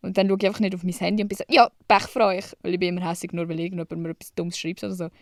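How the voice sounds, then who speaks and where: A woman's voice: on the low side, little pitch movement, rapid-fire, a little mellow, no echo, clean studio sound. A young woman from Switzerland with a Swiss German accent, hosting a casual solo podcast, chatty and blunt, swearing freely and dropping English slang. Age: young adult. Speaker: podcast host.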